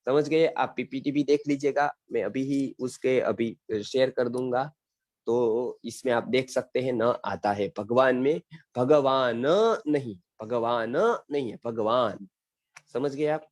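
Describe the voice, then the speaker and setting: A man's voice: medium pitch, fairly even intonation, a little mellow, dry recording. A middle-aged man from India teaching a grammar class on a video call, patiently repeating phrases and often checking that students understand. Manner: recites example sentences slowly and deliberately. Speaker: Sanskrit teacher. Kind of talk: online class explaining grammar in Hindi.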